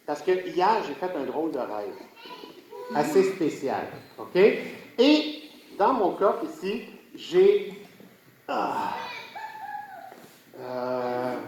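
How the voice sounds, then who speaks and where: A man's voice: on the high side, darkish tone. A man with a Quebec French accent doing playful, teasing magic show patter as a children's party magician, coaxing the kids along with short questions. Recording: echoey room, audible background noise.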